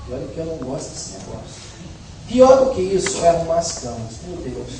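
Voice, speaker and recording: A man's voice: fairly high pitch, big pitch swings, fairly quick, dark tone. A middle-aged man from Brazil preaching a sermon, with humorous, conversational storytelling. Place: church hall. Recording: echoey hall from far off, faint noise.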